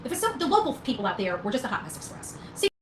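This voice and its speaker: Talking fast, a woman vlogger spins a meandering, down-home account of her own experience for her audience, full of emphasis and colloquial phrasing. Her pitch is fairly high and swings widely. There's an echo and some faint background noise.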